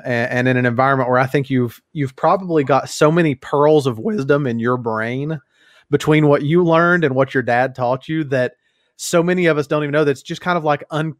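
Enthusiastic talk show host, dry sound. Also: male voice, medium pitch, no room sound. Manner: enthusiastic, rambling. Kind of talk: casual interview talk.

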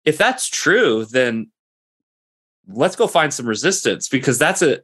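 A man in his own voice hosting a casual interview. He thinks out loud with energy, often rephrasing mid-sentence with "like" and "you know." His pitch sits right in the middle for a man. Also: very animated, measured pace. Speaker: podcast host.

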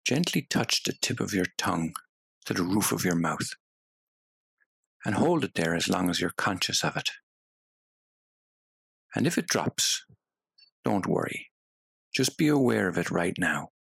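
A man guides a meditation in a very low, husky voice with plenty of gravel in it. He speaks softly and hypnotically and leaves long pauses between phrases. The sound is close and completely dry. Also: lively intonation, no echo.

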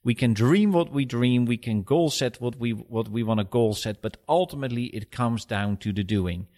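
A man's voice: medium pitch, moderate pace, warm tone. Dutch-accented man, direct and instructive. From Netherlands. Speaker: podcast guest. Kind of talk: conversational interview.

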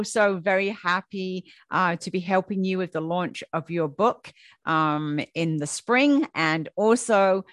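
A woman's voice: fairly low pitch, no echo, clean studio sound. Effusive woman podcast host. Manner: warm, effusive praise with many fillers. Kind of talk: casual interview chat.

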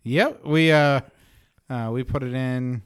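A young man talks slowly on a podcast, telling a long story with a chuckle now and then. His voice is smooth and clean. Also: medium pitch. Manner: laughs while telling stories, restarts and fillers. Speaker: podcast guest. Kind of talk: casual conversation, storytelling.

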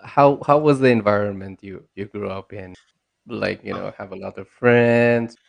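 A man with a fairly low voice hosts a podcast. His delivery is informal and conversational, addressed to listeners and a guest in plain everyday phrasing. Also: moderate pace, vocal fry. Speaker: podcast host. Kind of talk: casual podcast hosting.

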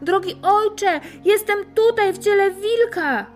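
A woman voicing a tiny, plucky, cunning little boy in a high, childlike voice. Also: slow pace, faint music behind. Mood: calling out.

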